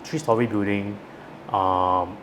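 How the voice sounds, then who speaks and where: A man's voice: fairly low pitch, fairly even intonation, slow, fairly bright tone. A man in his thirties with a Singaporean accent, telling his story as an interview guest in colloquial Singlish with sentence-final particles. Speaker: guest, entrepreneur. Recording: clear background noise.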